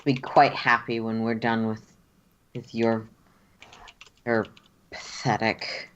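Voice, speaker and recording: A woman voicing a menacing, scornful female spellcaster speaking psychically in a tabletop game, slow and contemptuous. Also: a bass voice, flat delivery, lo-fi sound, slight background noise, pitched below the performer's own voice. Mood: scornful menace.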